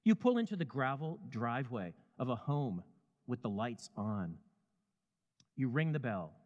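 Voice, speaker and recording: A man telling a story in second person with a measured, vivid delivery. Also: mid-range voice, a little mellow, big-room sound. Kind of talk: scripted second-person narration.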